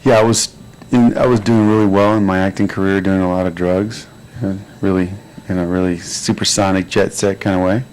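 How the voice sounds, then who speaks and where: A man, an actor and producer, talking in a relaxed, rambling way with lots of fillers at a crowded premiere. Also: sits low, a little fast, a little hiss or hum, low-quality recording. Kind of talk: premiere interview.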